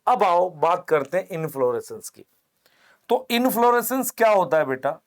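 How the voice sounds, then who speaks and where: High-voiced Hindi biology teacher. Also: male voice, animated, normal speed. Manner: asks the class questions and answers them himself, calls students beta; explains while drawing on a board, points with "idhar dekho". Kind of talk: online exam-prep lecture, Hindi mixed with English terms.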